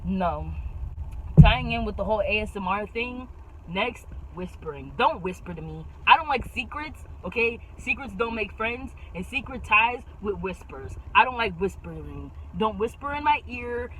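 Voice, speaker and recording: A young woman vlogging in a casual chat, animated and slangy, leaning hard on "bro" and "like.". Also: medium pitch, moderate pace, slight background noise, poor audio.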